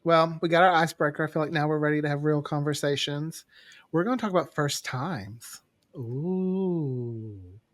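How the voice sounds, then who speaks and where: A man's voice: a little high, moderate pace. A man chatting casually and candidly as a podcast co-host, playful and prone to wandering off topic. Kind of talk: casual chat.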